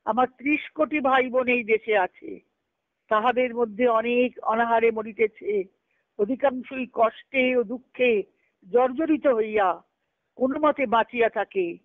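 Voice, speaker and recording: Her voice is a little high, and she speaks unhurriedly with long pauses. On a group conference call, this spiritual discussion speaker reads letters aloud and explains them in a teaching style, repeating phrases. No room sound comes through the tinny, band-limited line.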